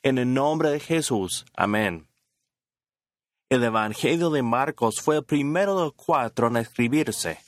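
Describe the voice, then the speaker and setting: A man presenting a radio Bible program, teaching and leading a prayer in a calm, measured, reverent way from a studio. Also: mid-range voice, no room sound.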